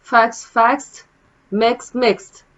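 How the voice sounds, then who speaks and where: A high-voiced woman from Brazil leads a casual English grammar lesson from her home. She takes her time and keeps checking that her students follow along. The sound is a little dull and lo-fi. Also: steady tone, very slow, fairly bright tone. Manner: explains patiently, often asks "né?" and "tá, gente?". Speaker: English teacher. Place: home, during quarantine.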